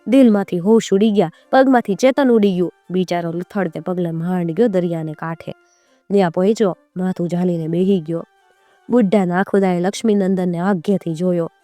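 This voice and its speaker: A woman storyteller narrating a folk tale in a lively, rhythmic way. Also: on the low side, normal speed, no room sound, soft background music.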